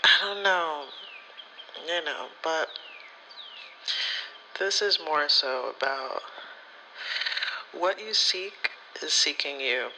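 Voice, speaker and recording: Pausing often and taking his time, a man with a slightly high voice tells offhand, candid personal stories laced with slang and swearing, against a noisy background. He creates spirituality content, and this is a laid-back ASMR vlog.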